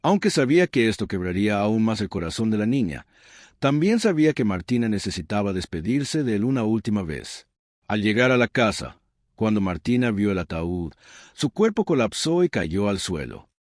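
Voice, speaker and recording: Male storyteller, solemn and sorrowful, lively melodic delivery. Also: fairly low pitch, moderate pace, no echo, studio quality. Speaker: narrator. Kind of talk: dramatic story narration.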